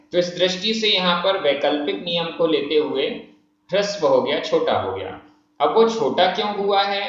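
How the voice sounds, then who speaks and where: A man giving a spoken language tutorial, patient and methodical, slowly counting out syllables one by one. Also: a little high, a bit bright. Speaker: Prakrit language teacher. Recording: echoey room, slightly dull sound.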